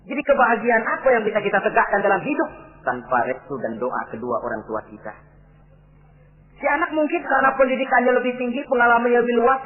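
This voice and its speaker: A middle-aged Indonesian man preaching a sermon, animated and acting out the voices of people in his stories. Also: high-pitched. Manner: animated, acts out quoted voices. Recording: tinny lo-fi old recording.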